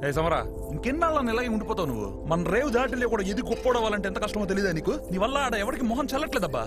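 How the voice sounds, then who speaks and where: A man's voice: sits high, sing-song, racing, music in the background. An actor dubbing a boxing camp man earnestly pressing a fighter to return to the ring. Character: serious boxing camp elder urging a comeback. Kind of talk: dubbed film dialogue.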